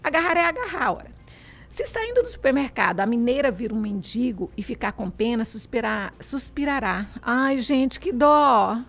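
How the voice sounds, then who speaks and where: Woman, Minas Gerais accent, host, high voice, very lively pitch, playful reading. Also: brisk, vocal fry. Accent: Brazilian Portuguese from Minas Gerais. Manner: playful, laughing, mimics local expressions. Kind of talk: reading aloud and casual chat.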